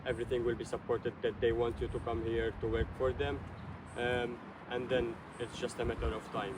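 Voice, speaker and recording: A man's voice: mid-range voice, little pitch movement, brisk, background noise. A man from Syria, a guest on an interview, explaining visa steps in a friendly, hesitant way with many fillers. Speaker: guest, hotel HR worker. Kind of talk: casual interview. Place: outdoor park.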